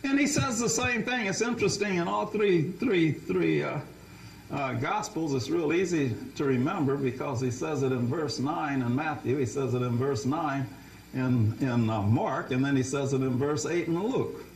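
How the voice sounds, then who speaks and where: A man's voice: fairly high pitch, moderate pace, vocal fry, echoey room, slight background noise, poor audio. A man preaching a Bible study sermon, often asking his listeners questions and repeating words as he restarts.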